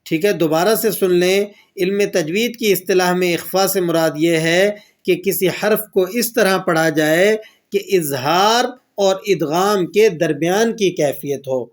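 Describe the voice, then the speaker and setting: A man teaching a tajweed lesson, explaining rules plainly and then reciting verses slowly and drawn out. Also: high voice.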